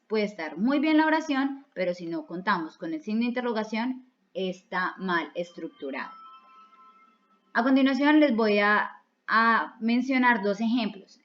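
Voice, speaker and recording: A woman from Colombia teaching a recorded online English class, explaining each step patiently and repeating key words in two languages. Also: mid-range voice. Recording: dull lo-fi recording.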